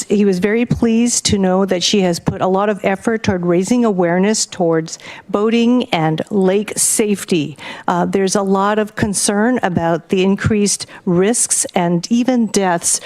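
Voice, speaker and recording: A woman at a city council meeting, reading a prepared statement on her husband's behalf in a measured, formal way. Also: medium pitch, a little mellow. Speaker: public commenter speaking for her husband.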